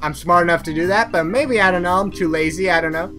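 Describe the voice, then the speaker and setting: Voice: medium pitch, fast, music in the background. Rambling let's play commentator. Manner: rambling and self-mocking, trailing off into mumbles. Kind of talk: casual game commentary.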